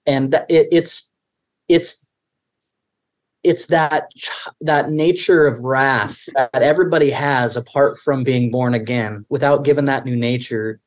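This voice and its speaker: A man's voice: mid-range voice, fairly even intonation, a little slow. Earnest man thinking aloud. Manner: earnest, restarts often while thinking aloud. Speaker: podcast co-host. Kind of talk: casual conversational discussion.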